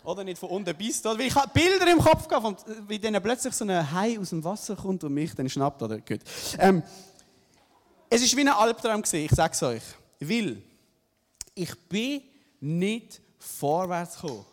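Young Swiss German man, lively live storyteller, high voice, long hall reverb. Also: normal speed. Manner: animated, tag questions "oder?".

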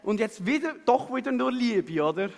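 A man with a Swiss German accent preaching a sermon and telling a personal story in a lively way, often tagging his sentences with a question to the congregation. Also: extremely high pitch, normal speed, vocal fry. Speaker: pastor. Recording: long hall reverb.

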